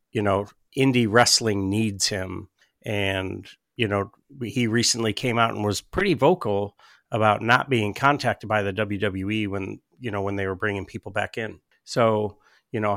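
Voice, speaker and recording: Low-pitched enthusiastic male podcaster. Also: fairly bright tone, no echo, clean studio sound. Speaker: podcast host. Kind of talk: casual wrestling talk.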